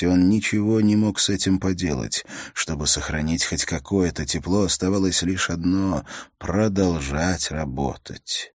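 A man reading an adventure novel aloud as an audiobook narrator, in a measured, steady storytelling manner. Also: deep voice, no room sound, studio quality.

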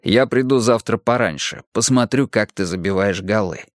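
A man voicing a shaken, apologetic doctor in an audiobook, soft and mumbling. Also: on the low side, normal speed, no echo, studio quality, natural voice. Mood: gentle. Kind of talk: audiobook character voice.

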